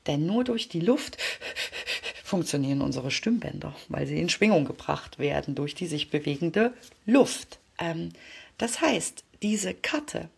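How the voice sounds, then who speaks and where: Brief: woman, low husky gravelly voice, calm card-reading guide, slips into near-whispers. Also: a little slow. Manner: calm, often drops to a soft near-whisper. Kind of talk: reflective spoken guidance.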